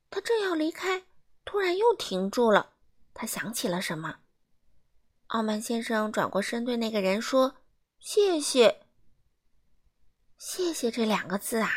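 Animated woman reading a children's story. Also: fairly high pitch. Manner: animated, asks listeners questions.

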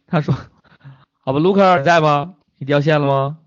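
A man's voice: on the high side, moderate pace, dry recording. Joking lo-fi male stream host. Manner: joking, bantering, swears casually. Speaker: livestream host. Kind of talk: casual online chat show hosting.

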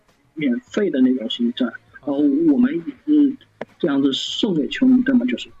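A man's voice: medium pitch, dark tone, husky. A man who is a guest on an interview podcast, talking casually with frequent stammered restarts. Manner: halting, many stammered restarts. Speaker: guest, fan site founder. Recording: dull lo-fi sound.

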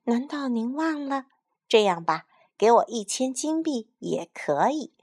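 Storybook pied piper, male, proud and quick to anger, voiced by a woman narrator, raised pitch. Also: very animated, a little mellow, full character voice. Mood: pleading.

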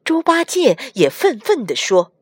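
Expressive woman reading a children's story. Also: sits high, measured pace, breathy edge, dry recording, clean studio sound. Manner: expressive, sing-song reading. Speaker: storyteller mother.

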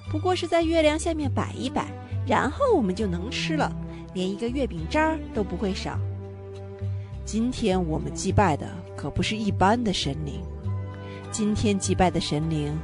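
A woman's voice: medium pitch, animated, moderate pace, music in the background, close to an everyday voice. A woman voicing an earnest, confident young boy who is an apprentice shaman, in a children's storybook reading. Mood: explaining. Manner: earnest, calls out loudly when summoning.

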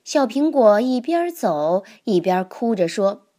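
A woman reading a children's picture book aloud in an expressive, lively manner. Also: medium pitch, takes it slowly. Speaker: storyteller.

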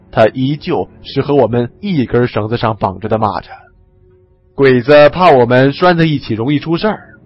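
A man narrating a story in the first person, with lively, expressive storytelling. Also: medium pitch, husky, lo-fi sound.

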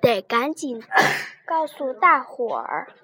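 A woman's voice: sits high, very animated, takes it slowly, very noisy, exaggerated voice. A woman voicing a small young fish in a children's story, speaking earnestly and urgently to warn the others. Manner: urgent, pleading.

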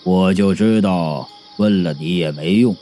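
A man's voice: unhurried, dark tone, soft background music. A man doing a grim, scolding hospital boss. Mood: stern. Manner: low, grave and scolding. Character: stern, scheming hospital director, middle-aged man.

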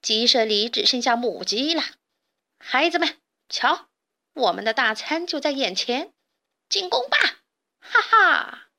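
Woman doing a loud gleeful weasel bandit boss, mocking laughs, storybook villain, kinda high voice. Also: very animated, unhurried, vocal fry, long pauses, heavily acted. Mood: gloating. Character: sly male weasel bandit chief, gleeful.

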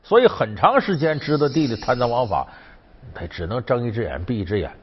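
Lively chatty male storyteller. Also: medium pitch, a little fast, a little hiss or hum. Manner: chatty, lively, folksy asides. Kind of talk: colloquial folk-tale storytelling. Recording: dull lo-fi sound.

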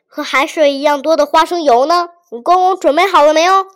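A pompous official barks and scolds, loud and huffy, voiced by a woman reading a folk tale. The voice sits high and pushes hard. It sounds like a storyteller's character turn. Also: fairly quick, natural voice. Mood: blustering. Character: blustering pompous male prefect, angry official.

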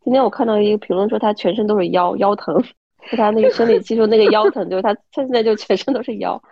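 A woman lying in bed at home, hoarse and stuffy from illness, giving a wry, self-mocking account over an online call. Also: mid-range voice, fast, dry recording, dull audio. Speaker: podcast team member. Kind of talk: casual chat. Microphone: online call app from home.

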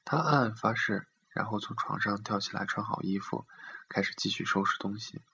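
A man reading a literary story aloud in a steady, measured way. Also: lowish voice, creaky, breathy edge.

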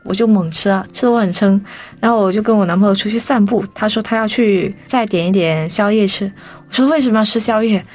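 A young woman telling a personal story as a podcast guest, lively and animated, briefly voicing the people she quotes. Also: medium pitch, brisk, faint music behind.

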